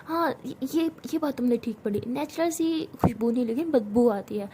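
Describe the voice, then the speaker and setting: A woman's voice: a little high, moderate pace, noisy background, lightly acted. A woman voicing a dramatic young college woman who plays the senior, complaining in an indignant, theatrical way. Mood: bickering.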